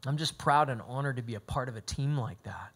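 A man's voice: medium pitch, fast talker, fairly bright tone. Earnest male pastor. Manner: earnest, emphatic, with frequent restarts. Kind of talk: sermon delivered as a conversation.

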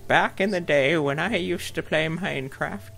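Gravelly, jokey male gamer. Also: a little high, normal speed, fairly bright tone, faint music behind. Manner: joking, teasing banter. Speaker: co-host gamer. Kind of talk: casual gameplay chat.

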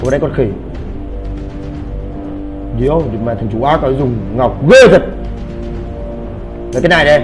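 A man's voice: mid-range voice, expressive, normal speed, pauses often, music in the background. A man giving brash live commentary on a game he is playing, swearing and trash-talking his teammates. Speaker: gaming streamer.

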